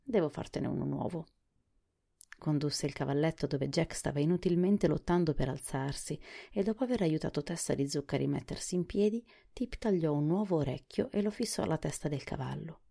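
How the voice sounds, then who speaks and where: A woman narrating a children's storybook in a calm, measured reading. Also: sits low, creaky.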